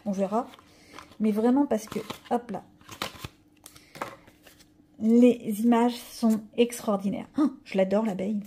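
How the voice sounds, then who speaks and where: Chatty French-speaking woman vlogger, mellow voice. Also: on the high side, a little hiss or hum. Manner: chatty, rambling, with many fillers and restarts. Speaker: coloring channel vlogger. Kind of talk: casual haul vlog chat.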